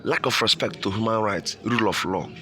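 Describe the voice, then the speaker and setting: A man's voice: lowish voice, brisk, noisy background. A man with a Nigerian accent giving impassioned political commentary, emphatic, repeating phrases and posing rhetorical questions.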